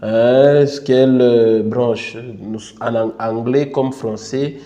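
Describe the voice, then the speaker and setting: A man with a Congolese French accent explains a lesson plan step by step, slowly and with a dark, mellow voice. He repeats himself often and checks in with "n'est-ce pas". He modestly admits he does not speak the language he is teaching about. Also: mid-range voice, fairly even intonation, muffled recording. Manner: slow and repetitive, tags phrases with "n'est-ce pas"; self-deprecating, apologises for his English. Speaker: teacher and online tutor. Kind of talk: instructional screen tutorial.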